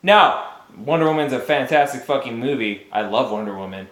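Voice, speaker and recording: A man's voice: mid-range voice, animated, fairly quick, fairly bright tone. A man co-hosting a casual chat, ranting heatedly and swearing a lot. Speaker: podcast co-host. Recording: echoey room.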